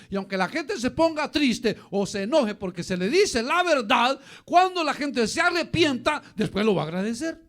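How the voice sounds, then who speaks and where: A man preaching a Bible study sermon as pastor, often calling his listeners "brother". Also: extremely high pitch. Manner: addresses listeners as "hermano" often, animated preaching.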